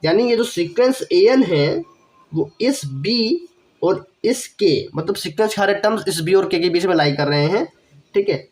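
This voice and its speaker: A man's voice: high-pitched, expressive, normal speed, a little mellow. A young man teaching math in an online lecture, a little unwell with a cough, explaining step by step, repeating key phrases and asking the viewer questions. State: has a cough, feeling unwell.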